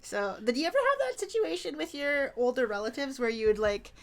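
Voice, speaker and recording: Young canadian woman on a podcast, chatty, laughs a lot, kinda high voice. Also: big pitch swings, a little fast. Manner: chatty, laughs often, many fillers. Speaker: podcast co-host. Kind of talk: casual chat.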